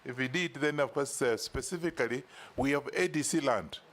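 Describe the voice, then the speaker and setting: A man's voice: medium pitch, moderate pace, fairly bright tone. A Kenyan man questioning a nominee at a parliamentary hearing, direct and insistent on specifics. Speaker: committee member questioning a nominee.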